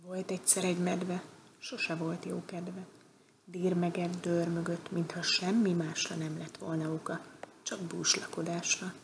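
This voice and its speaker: Woman reading a children's story, lowish voice, gravelly texture, soft delivery. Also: little pitch movement, noisy background. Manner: soft, dropping to a whisper in places. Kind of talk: reading a rhymed children's tale.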